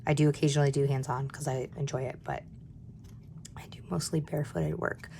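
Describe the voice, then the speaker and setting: A woman in her thirties with a hoarse voice from a cold, chatting candidly while she budgets and sometimes dropping to a near-whisper. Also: low voice, steady tone, brisk, warm tone, a little hiss or hum. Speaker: budgeting vlogger. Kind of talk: casual chat while stuffing cash envelopes.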